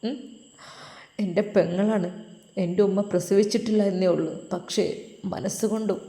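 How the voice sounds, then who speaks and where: A woman's voice: mid-range voice, fairly even intonation, moderate pace, close to an everyday voice. Woman voicing a tearful grieving brother. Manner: soft, tearful, pleading. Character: grieving kind older brother figure, a man. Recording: echoey room with long reverb.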